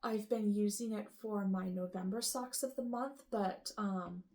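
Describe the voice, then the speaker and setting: A woman hosting a knitting show, sorting yarn and thinking aloud in a casual, unsure way, with a rough morning voice. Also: medium pitch, unhurried, a little mellow, a little hiss or hum. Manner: musing aloud, unsure, lots of ums and trailing off. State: rough morning voice with the odd cough. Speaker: knitting podcast host.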